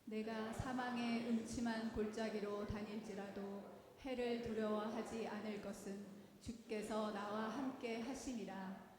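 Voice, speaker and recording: Congregation reciting in unison, echoey hall. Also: female voice, on the high side, fairly even intonation, a little slow, crowd noise. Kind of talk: responsive scripture reading.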